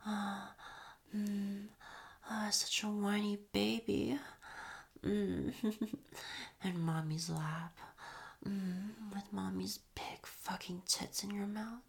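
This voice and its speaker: A young adult woman performs an intimate audio roleplay in a soft, teasing whisper at mid-range pitch, with breathy murmurs and quiet chuckles.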